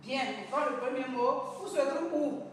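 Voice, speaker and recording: A woman teacher giving an early reading lesson to children, pronouncing each sound slowly and carefully. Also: high voice, steady tone, distant mic, slight background noise. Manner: slow, careful enunciation of sounds, addresses children. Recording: echoey room heard from afar.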